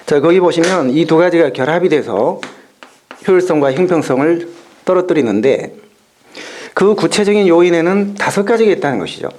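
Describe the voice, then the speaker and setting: A man's voice: on the high side, expressive, normal speed, a little mellow. A man giving an exam-prep lecture, explaining step by step through worked examples.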